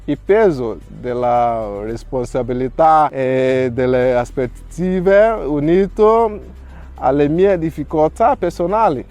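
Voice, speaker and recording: Man, priest, 30s, slightly high voice, very slow, earnest testimony. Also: expressive, darkish tone, faint music behind. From Nigeria. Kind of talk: reading a prepared testimony.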